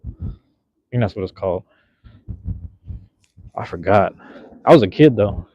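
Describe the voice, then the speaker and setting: Relaxed and slangy, this young male streamer chats casually with viewers, his low, mellow voice a little slow and slightly rough. He rambles from a park at night in cold drizzle, holding his phone close. The audio is dry with no echo, slightly dull and lo-fi.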